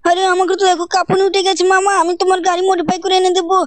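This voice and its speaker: A woman's voice: very high-pitched, level tone, rapid-fire, dry recording. A woman voicing a whiny cartoon boy who keeps pleading with his uncle in a gaming role-play. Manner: pleading, whining.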